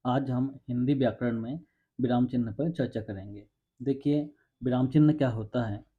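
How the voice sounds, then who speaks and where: A man's voice: medium pitch, steady tone, normal speed, husky. A man teaching a Hindi grammar coaching class, explaining step by step and reading out examples. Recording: dull lo-fi sound.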